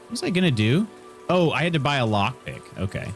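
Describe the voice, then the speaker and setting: Male game streamer, American Midwest accent with a Southern tinge, mid-range pitch, casual jokey rambling chat, light music underneath. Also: sing-song, brisk. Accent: American Midwest with some Southern. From Indiana, US Midwest. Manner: jokey, rambling, reading viewer comments aloud. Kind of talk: casual live gameplay chat.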